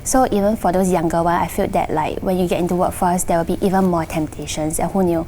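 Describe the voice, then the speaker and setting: A woman's voice: lowish voice, fairly even intonation, fast talker, mellow, slight background noise. A woman with a Singaporean accent talking casually and earnestly on a panel, explaining things at length. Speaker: guest sharing personal experience.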